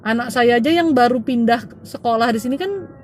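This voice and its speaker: A chatty, teasing woman with a Balinese Indonesian accent hosts a casual live stream as a spiritual healer, calling her viewers dear. Her voice sits somewhat high, with a faint hiss of noise behind it. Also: brisk. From Bali, Indonesia.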